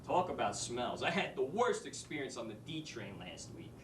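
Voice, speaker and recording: Guy playing a new wiseguy teacher, cocky streetwise stage monologue, distant mic, faint rumble. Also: moderate pace, roomy sound, close to an everyday voice. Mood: wisecracking. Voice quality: wisecracking, streetwise, animated. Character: brash male New York street-smarts teacher. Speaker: actor in a drama school showcase monologue. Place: theater stage.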